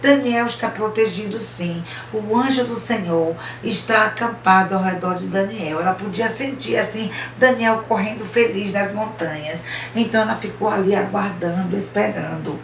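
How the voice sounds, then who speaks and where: A woman's voice: medium pitch, normal speed, a little hiss or hum. Woman telling a children's story. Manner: expressive, asides to listeners. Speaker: missionary storyteller. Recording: roomy, distant mic, faint ambience.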